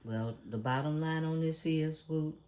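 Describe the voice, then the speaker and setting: A man's voice: fairly high pitch, unhurried, darkish tone. A man hosting a casual talk show, preachy and emphatic, who often asks leading questions. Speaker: podcast host. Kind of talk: casual conversational commentary.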